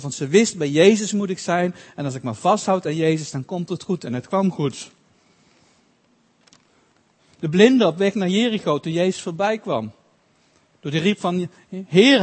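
A man preaching a sermon, earnest and halting with frequent restarts, slowing down whenever he quotes scripture. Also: on the high side, darkish tone. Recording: long hall reverb.

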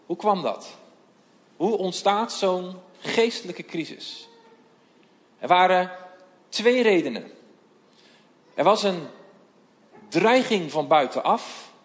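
A man preaching a sermon in an earnest, measured way and reading Bible passages aloud. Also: high-pitched, big-room sound.

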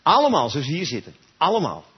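Husky, lively-voiced male preacher. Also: on the high side, fast talker. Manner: emphatic, speaks straight to listeners. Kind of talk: sermon. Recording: dull lo-fi recording.

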